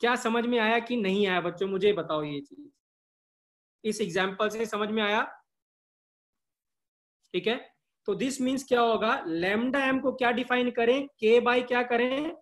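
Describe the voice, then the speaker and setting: A man's voice: very high voice, unhurried, long pauses, a bit bright. Teacher who quizzes his class nonstop. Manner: keeps asking questions and answering them himself; drills key terms by repeating them. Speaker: chemistry teacher. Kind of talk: live online class lecture.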